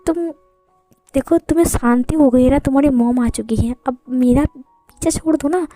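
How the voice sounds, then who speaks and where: A grumpy young husband, voiced by a woman who answers everyone curtly and with sarcasm. The tone is high yet mellow. Close and dry. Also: moderate pace, no room sound, faint music behind, natural voice. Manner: curt, sarcastic. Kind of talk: fan fiction storytelling.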